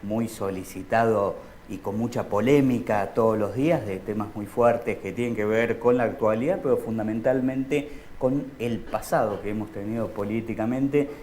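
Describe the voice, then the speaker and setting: A man's voice: fairly low pitch, moderate pace, few pauses, a little mellow, a little hiss or hum. A man with an Argentine accent hosting a political talk show, interviewing a guest in a chatty way and tagging his sentences with "¿no?". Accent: Argentine Spanish. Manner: chatty, frequent "¿no?" tags and "ujú" backchannels. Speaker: radio talk show host.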